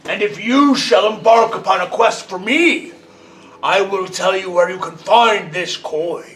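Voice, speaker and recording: A man voicing a grandiose one-eyed giant cult leader in a slow, theatrical, dopey cartoon bellow for a tabletop game. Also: sits high, fairly bright tone, voice pushed up. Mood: eager scheming. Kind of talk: tabletop role-play character voice. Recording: roomy, distant mic with faint noise.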